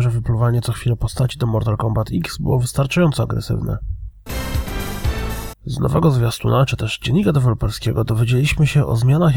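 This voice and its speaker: A slightly hoarse man from Poland hosting a daily gaming news podcast in scripted narration. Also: mid-range voice.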